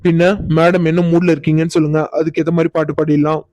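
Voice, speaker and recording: A woman voicing a teasing, cocky young village man in a cartoon, with an unhurried, mock-innocent manner. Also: deep voice, little pitch movement, dark tone, no echo, highs cut off, lightly acted. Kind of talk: cartoon voice acting.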